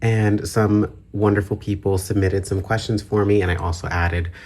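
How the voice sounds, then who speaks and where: Getting over a cold that still colors his voice, a man talks casually on the hobby vlog he hosts as a collector on YouTube. His fairly low, slightly mellow voice keeps a fairly even intonation at normal speed.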